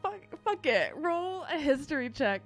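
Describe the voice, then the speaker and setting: A woman's voice: high-pitched, big pitch swings, measured pace, faint music behind. A woman narrating as game master in a tabletop game, chatty and loosely improvised, with plenty of fillers.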